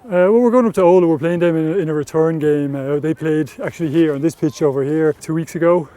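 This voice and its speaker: A man's voice: a little high, quick pace, mellow, dry recording. A man in a documentary interview outdoors, easygoing and hesitant, with lots of fillers. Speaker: club player.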